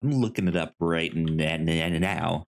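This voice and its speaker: Talking movies on a podcast he co-hosts, this man has a low voice with vocal fry. His casual speech comes out in fits and starts, full of repeated words and false starts.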